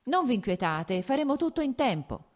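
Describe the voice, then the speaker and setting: A woman's voice: a little high, sing-song, a little fast, pitched above the performer's own voice. A woman reading the part of a farm steward man who answers with shrugging excuses. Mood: defensive.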